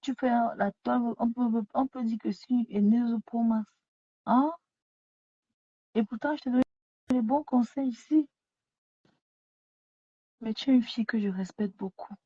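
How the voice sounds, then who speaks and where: A woman's voice: a little high, measured pace, pauses often, warm tone, slightly rough, no room sound. A woman, ranting and scolding in a repetitive live video monologue while she lies down, talking into a phone she has set down. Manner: scolding, repetitive, talks to the viewers. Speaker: live streamer. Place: lying down at home. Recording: dull lo-fi phone audio.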